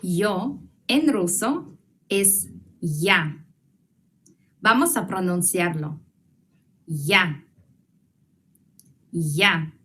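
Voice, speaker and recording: Woman, language teacher, very slow, patient and repetitive, mid pitch. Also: very animated, a bit bright. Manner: slow, patient, repeats words for students to echo. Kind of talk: online language lesson.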